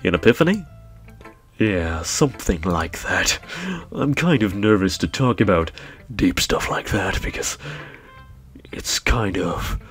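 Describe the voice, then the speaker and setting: A man voicing a sinister young female club president in a put-on evil villain voice, with a breathy whisper and slow, menacing phrasing. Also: deep voice, lively intonation, faint music behind. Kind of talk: video game voice-over.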